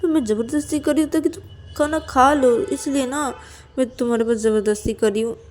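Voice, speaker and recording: A woman's voice: high voice, brisk, darkish tone, pitched above the performer's own voice, lightly acted. A woman voicing a young woman who pleads with her lover to eat, repeating her words over and over. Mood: coaxing.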